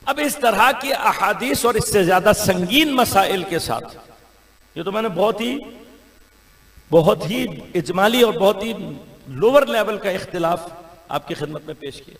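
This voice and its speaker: A man's voice: high-pitched, expressive, a bit bright. A man with a Pakistani Urdu accent, a Shia cleric preaching a majlis sermon as a rhetorical orator whose voice swells and drops. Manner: rhetorical orator with sudden rises and falls. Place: large imambargah hall. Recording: long hall reverb.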